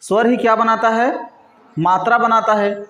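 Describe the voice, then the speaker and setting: Male teacher, high-pitched, slow and deliberate, quizzes the class, roomy echo. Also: steady tone, bright, forceful tone. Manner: slow, asks questions and answers them himself; frequent "ठीक है" and "है नी" check-ins. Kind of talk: classroom lesson at a board.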